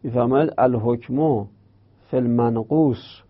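A man teaching Arabic grammar, explaining step by step and repeating and drawing out terms. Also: mid-range voice. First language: Persian. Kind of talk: explanatory lesson. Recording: dull lo-fi recording.

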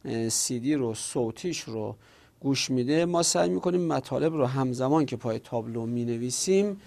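A man teaching a lecture, explaining slowly and deliberately with frequent hesitations. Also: mid-range voice, expressive, gravelly, darkish tone. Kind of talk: recorded classroom lecture. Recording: audio from a lecture recording.

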